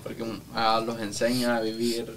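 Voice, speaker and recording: A man's voice: medium pitch, monotone, normal speed, a bit bright, distant mic, slight background noise. A man on a religious talk show, answering with frequent amens and speaking devoutly about faith.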